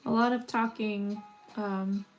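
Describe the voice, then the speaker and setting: A woman's voice: medium pitch, steady tone, slow. A woman in her thirties with a slightly scratchy, weak voice, chatting casually and rambling on a livestream while she beads. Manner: chatty, rambling, laughs often. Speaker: livestream host. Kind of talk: casual chat while beading.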